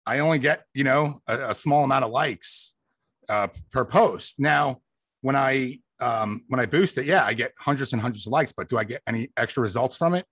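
A man's voice: mid-range voice, moderate pace, fairly bright tone, slightly rough, no echo. A man hosting a podcast, chatting casually in an easygoing, agreeable way. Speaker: podcast host.

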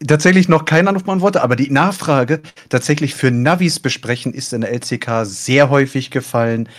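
A man who commentates esports, chatting casually and letting his voice deliberately rise and fall as he talks. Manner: deliberately rises and falls in pitch while telling. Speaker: esports caster. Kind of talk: casual podcast chat.

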